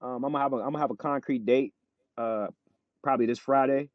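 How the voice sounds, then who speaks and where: A man's voice: mid-range voice, steady tone, a little fast, no room sound, muffled recording. A man in a casual interview chat as a rapper guest, laid-back and full of "you know what I'm saying".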